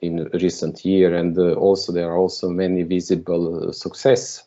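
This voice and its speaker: Here a Croatian-accented man from Croatia gives a hesitant conference keynote over video, peppered with filler sounds. His deep, warm voice shows little pitch movement and runs at normal speed, captured in dull lo-fi call audio.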